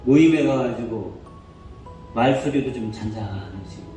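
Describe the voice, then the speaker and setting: A male pastor preaching a sermon in a church, telling a story with lively questions to the congregation. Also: mid-range voice, measured pace. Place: church sanctuary. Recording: echoey church hall from far off, faint music.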